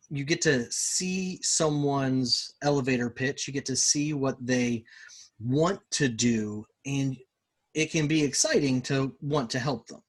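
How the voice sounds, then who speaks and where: Chatty man laughing through a game interview. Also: mid-range voice. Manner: relaxed, chatty, laughs easily. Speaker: game designer guest. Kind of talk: casual interview chat.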